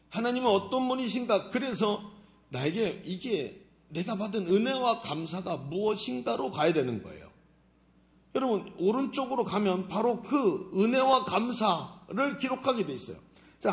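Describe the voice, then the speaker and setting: A male pastor in middle age preaches with a wide, lively pitch range and a slightly high voice. His tone is gravelly. He jumps between loud exclamations and near-whispered asides as he acts out voices. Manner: animated preaching, acts out voices of God and believers, swings from loud to hushed. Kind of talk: sermon.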